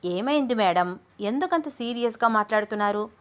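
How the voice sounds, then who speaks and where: Confused young assistant girl answering her boss, woman narrator voicing her, a bit high. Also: animated, brisk, close to an everyday voice. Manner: confused, deferential.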